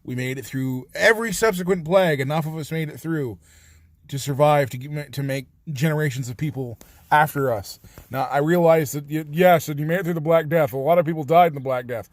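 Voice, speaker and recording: Earnest man, slightly high voice. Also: a little fast, dry recording. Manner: earnest, rambling, swears casually. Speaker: vlogger. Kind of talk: casual reassuring talk to camera.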